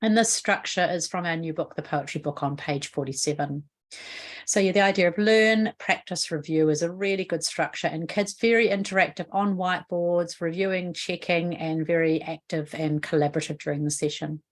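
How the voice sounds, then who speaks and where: Lower-voiced New Zealand woman teaching spelling. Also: fairly even intonation, moderate pace. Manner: patient, explanatory, asks the viewer questions. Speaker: literacy educator. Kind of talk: instructional video lesson.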